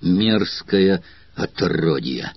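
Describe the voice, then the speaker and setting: A man voicing a furious, brawling gladiator who shouts in a rough, hoarse growl. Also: sits low, animated, drawn-out words, no echo, highs cut off, pitched below the performer's own voice, full character voice.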